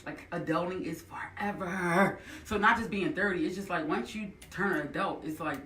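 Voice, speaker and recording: A woman in her thirties, a blogger guest on a radio show, talking fast and emphatically and laughing often. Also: on the low side, a bit bright, roomy sound, far from the mic, slight background noise. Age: 30s. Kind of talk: casual radio talk.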